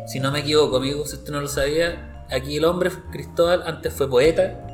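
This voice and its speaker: A Chilean man hosts a podcast, quizzing his guest with curious, teasing questions in a fairly high voice. His voice echoes around the room over faint music. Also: steady tone, fairly quick. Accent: Chilean Spanish. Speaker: podcast host. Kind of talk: casual podcast interview.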